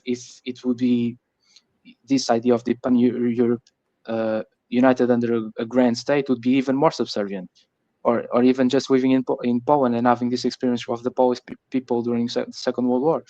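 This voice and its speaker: A Portuguese man with a medium-pitched, dark voice and a Portuguese accent chats casually, frequently repeating words while he hunts for the right phrasing. The voice-chat audio sounds muffled and echoey.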